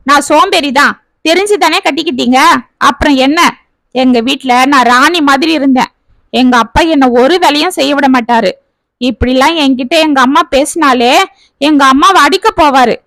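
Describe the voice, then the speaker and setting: A woman's voice: high-pitched, fairly bright tone, no echo. Woman voicing a scornful young daughter-in-law. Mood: indignant. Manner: snappy, scornful, talks back. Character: sharp-tongued lazy young daughter-in-law.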